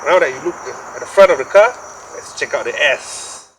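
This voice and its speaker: A man's voice: mid-range voice, lively intonation, moderate pace. A man with a Singaporean accent speaking casual Singlish, like a host of an amateur car review. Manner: speaks Singlish with lah, leh and sia particles. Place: outdoors at night. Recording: noisy outdoor sound, distant mic, insects and traffic.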